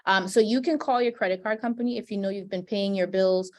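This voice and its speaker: A woman's voice: mid-range voice, fairly quick, darkish tone. Woman from trinidad walking people thru credit stuff on a webinar, keeps saying right?, video call sound. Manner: explanatory, peppered with "right?" and "um". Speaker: financial educator. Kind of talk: webinar presentation.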